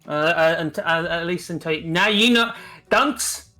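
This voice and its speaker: A man's voice: a little high, unhurried, bright, forceful tone, soft background music. A young man from Northern Ireland with a Northern Irish accent, co-hosting a game stream in casual, joking chat and trailing off mid-sentence. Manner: joking, laughs often, trails off. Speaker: stream co-host.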